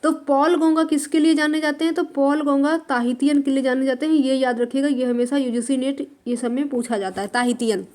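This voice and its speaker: A woman teaching art for exam prep, writing on a board and repeating terms slowly for students to note down. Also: sits high, fairly even intonation, darkish tone. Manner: writes on a board while dictating.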